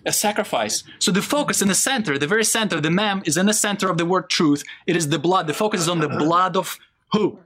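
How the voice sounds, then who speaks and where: Speaking quickly in a high-sitting voice, an Israeli man teaches a Bible class in Hebrew before a live audience. He's animated and keeps quizzing the room with questions.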